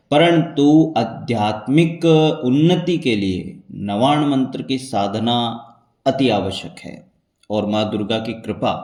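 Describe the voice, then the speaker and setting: A man guides listeners through a devotional ritual in a steady, measured way, repeating key points so nothing is missed. His voice sits at an ordinary middle pitch. The room around him rings with noticeable echo. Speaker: spiritual teacher. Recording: echoey room.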